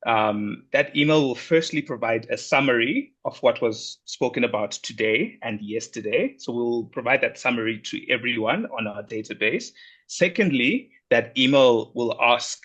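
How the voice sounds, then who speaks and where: A man's voice: mid-range voice, moderate pace, a bit bright, breathy edge. Earnest man hosting a webinar. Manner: earnest, apologetic, hesitant. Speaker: webinar host. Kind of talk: closing remarks on a video call. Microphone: video call.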